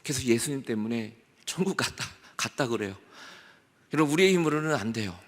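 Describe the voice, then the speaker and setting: A male pastor preaching a year-end sermon, telling anecdotes in an animated, conversational way. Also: medium pitch, brisk. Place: church sanctuary. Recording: long hall reverb.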